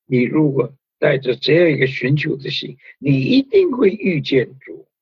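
A man's voice: on the high side, big pitch swings, normal speed, slightly rough, no echo. A man preaching a conversational sermon, full of fillers and tag particles. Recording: dull lo-fi recording.

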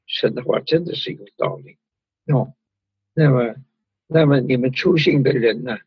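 Brief: male preacher, very breathy husky voice, chatty sermon delivery, dull lo-fi recording. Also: medium pitch, no room sound. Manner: conversational preaching with frequent fillers and tag particles.

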